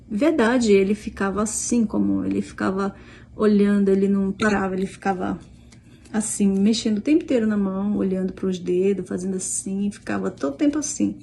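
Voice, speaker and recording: A woman's voice: medium pitch, dark tone. A middle-aged Brazilian woman with a Brazilian Portuguese accent, casually retelling a conversation with many restarts and quoted dialogue. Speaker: vlogger, mother. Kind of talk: casual storytelling.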